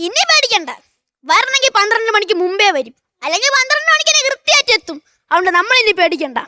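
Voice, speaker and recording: A whiny, broke Dracula. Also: male voice, very high voice, very animated, quick pace, full character voice. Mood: bragging. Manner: whiny, self-pitying. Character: broke, scheming male Dracula, family man. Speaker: sketch comedian. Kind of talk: comedy stage sketch. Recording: stage sketch under loud music.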